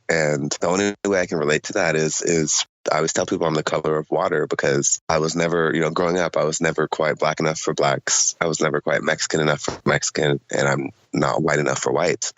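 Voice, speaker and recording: A man in his twenties from Southern California, a podcast guest telling his story in a relaxed, chatty way with lots of fillers. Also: rumbling low, no echo. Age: 20s. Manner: relaxed and chatty, many "um" and "you know" fillers. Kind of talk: casual interview storytelling.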